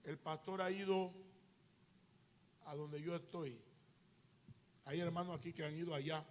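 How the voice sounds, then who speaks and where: A man who is a pastor, preaching a sermon in church with rising, shouted intensity. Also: fairly high pitch, fairly even intonation, measured pace, slight background noise. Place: church sanctuary.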